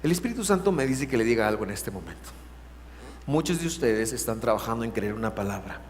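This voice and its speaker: A man with a Guatemalan accent preaching a sermon as pastor, moving between loud emphasis and hushed, drawn-out words. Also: medium pitch, sing-song. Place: church sanctuary. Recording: reverberant hall, faint hum.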